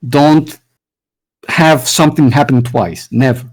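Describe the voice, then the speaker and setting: A man with a mid-pitched, ordinary voice, chatting on a voice call. He rambles, stops to restart his sentences, and corrects himself mid-thought. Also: slow pace, breathy edge, low-quality recording. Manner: rambling, many fillers and restarts, self-correcting. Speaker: writing advice speaker. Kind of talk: casual conversational talk.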